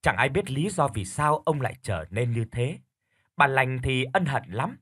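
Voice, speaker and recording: Husky-voiced male audiobook narrator. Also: medium pitch, no room sound, studio quality. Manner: calm, measured storytelling. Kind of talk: scripted horror story narration.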